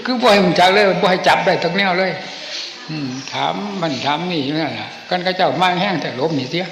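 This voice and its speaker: An older man, a senior monk with an Isan northeastern Thai accent, telling stories from memory in an informal, animated old-man way and acting out the dialogue. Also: high-pitched, quick pace. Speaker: senior Buddhist monk reminiscing. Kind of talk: informal storytelling, reminiscing. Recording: echoey hall with clear background noise.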